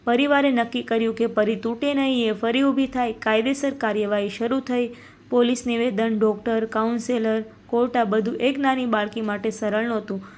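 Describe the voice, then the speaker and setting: A woman reading a scripted moral story in a steady, solemn narrating voice. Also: a little high, moderate pace.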